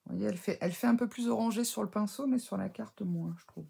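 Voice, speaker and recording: A woman's voice: mid-range voice, fast talker, vocal fry, dark tone, husky. A woman chatting through a casual craft tutorial as she works, hesitant and full of fillers, often correcting and teasing herself. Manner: talks while working with her hands, self-mocking. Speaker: scrapbooking crafter.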